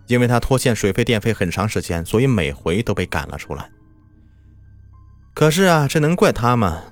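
A man narrates a scripted horror story with mounting drama. His lowish voice rises and falls widely. Faint music plays under the telling. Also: no room sound. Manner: dramatic, rising tension.

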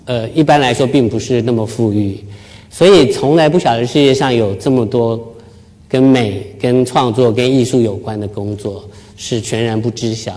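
A man's voice: medium pitch, normal speed, mellow. A middle-aged man from Taiwan giving a public talk, telling stories about himself with self-deprecating humor. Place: lecture hall with live audience.

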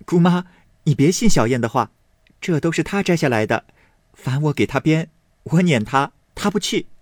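A proud, sharp-tongued young maid talks in a raised, bouncy voice, as a male reader puts her on. Her pitch jumps about lively, and the sound is dry and close. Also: normal speed, no echo, close to an everyday voice. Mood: teasing. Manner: lively, teasing, then cold.

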